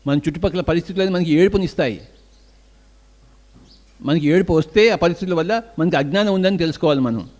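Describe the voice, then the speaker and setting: A man's voice: on the high side, a little fast, long pauses, darkish tone. An older man with a Telugu accent giving an emphatic spiritual discourse as a meditation teacher, asking questions and answering them himself.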